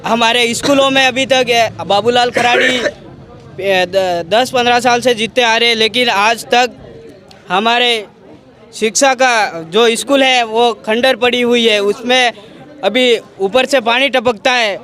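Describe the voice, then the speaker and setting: Bright high-voiced man, halting complaint. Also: fairly even intonation, a faint crowd. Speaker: local villager. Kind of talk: street interview complaint. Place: outdoors in a town street.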